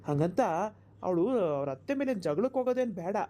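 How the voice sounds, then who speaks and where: Woman voicing a cartoon village son calming his mom down, patient, mellow tone. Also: on the low side, a little fast. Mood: reassuring. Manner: reassuring, explanatory. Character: grown village son, reassuring his worried mother. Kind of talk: cartoon voice acting.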